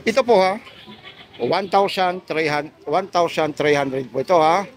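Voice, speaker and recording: A man vlogging at an outdoor street market in light rain, talking in a lively, chatty way with many tag questions while showing goods on a handheld phone camera. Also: fairly high pitch, unhurried. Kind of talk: casual street vlog chat.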